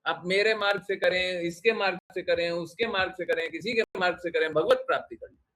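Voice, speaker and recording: A man's voice: high-pitched, a little fast, a bit bright. A man giving a devotional talk to his followers, scolding and questioning them, slipping English phrases into his speech. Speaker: spiritual teacher.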